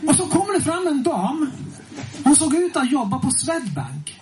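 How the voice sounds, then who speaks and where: A man telling a lively testimony to a congregation as a preacher, swinging between hushed and loud and often chuckling. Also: very high voice, a little hiss or hum, poor audio. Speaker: preacher and singer.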